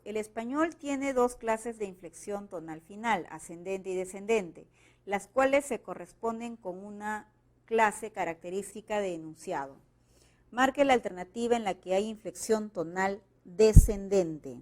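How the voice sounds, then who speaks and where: A woman's voice: mid-range voice, mellow. A woman teacher from Peru, working through exam questions and reading the example sentences aloud with marked intonation. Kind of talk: explaining exam answers.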